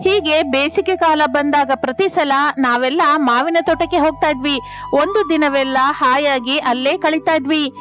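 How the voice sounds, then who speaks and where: Young wife, wistful, loyal and reassuring, played by the narrator; high voice, light music bed. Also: female voice, moderate pace, a bit bright. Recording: music playing under the voice.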